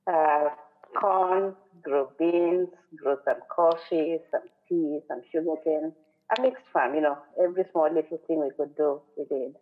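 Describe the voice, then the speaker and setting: A woman's voice: deep voice, a little slow. A woman from western Kenya with a Kenyan accent, giving an earnest, reflective sermon as a guest speaker at a church. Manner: earnest, reflective, quotes scripture and song lyrics. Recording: phone-like narrow sound.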